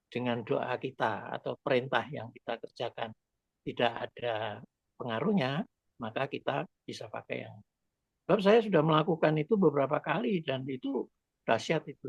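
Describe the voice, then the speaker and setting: A man's voice: mid-range voice, gravelly, husky, dry recording, highs cut off. A man joining a call over a poor phone and headset, explaining his point in a rambling, hesitant way. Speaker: participant adding to the teaching. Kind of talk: casual teaching.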